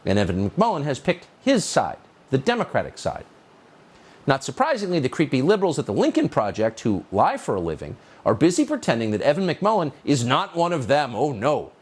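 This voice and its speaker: A man's voice: mid-range voice, wildly swooping pitch, fairly quick, husky. Middle-aged guy hosting news, sarcastic monologue, voice bouncing all over the place. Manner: sarcastic, mocking, incredulous. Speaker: host. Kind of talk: opinion monologue.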